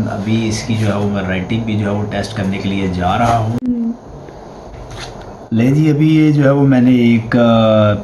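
A Pakistani man in his forties with an Urdu accent, hosting a product review vlog in a small room. He talks eagerly and keeps reaching for the same filler phrase. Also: on the low side. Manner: leans constantly on the filler "jo hai vo"; upbeat and eager when praising the product. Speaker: host, stationery product reviewer. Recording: steady background noise, slightly dull.

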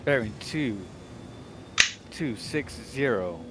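A man's voice: medium pitch, animated, slow. A man giving status reports as a player over game voice chat. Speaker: player in a space combat game. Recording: very noisy game voice-chat comms.

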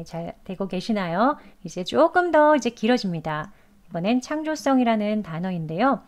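A woman teaching English pronunciation, who speaks patiently and encouragingly and drills words syllable by syllable. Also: medium pitch. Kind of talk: slow, careful pronunciation lesson.

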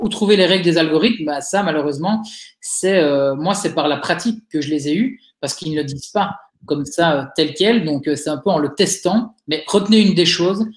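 A man with a Belgian accent from Liège, answering audience questions in a live webinar in a chatty, encouraging way with frequent hesitations. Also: on the high side. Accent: Liège Belgian French. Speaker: webinar speaker, digital agency owner. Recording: roomy webinar audio.

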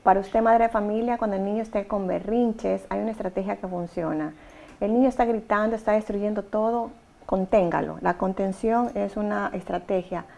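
A woman's voice: medium pitch, moderate pace, creaky, warm tone. A woman hosting an advice talk show, giving emphatic, direct instructions to mothers. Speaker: talk show host and therapist.

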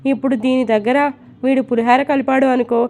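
An anxious young wife in a storybook, voiced by a woman narrator, pleading and fretting. The voice is high and light. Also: fairly even intonation, brisk, warm tone, natural voice.

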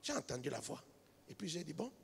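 A man preaching a sermon as a pastor, telling a story quietly and then building up to shouted, half-sung exhortation. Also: fairly high pitch, very animated, brisk, vocal fry, breathy edge. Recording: reverberant hall with music behind.

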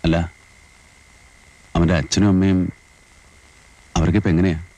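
A deep, low-voiced lodger who speaks softly and calmly. His lines are quiet and unhurried. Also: rough recording. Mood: wistful. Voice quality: low, soft and calm. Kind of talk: 1980s film acting.

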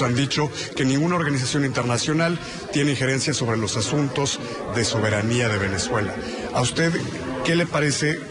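Young male TV interviewer, formal long questions, crowd noise audible. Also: medium pitch. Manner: long composed questions with a scripted intro. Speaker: TV news interviewer. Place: conference venue, indoors. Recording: crowd murmur behind.

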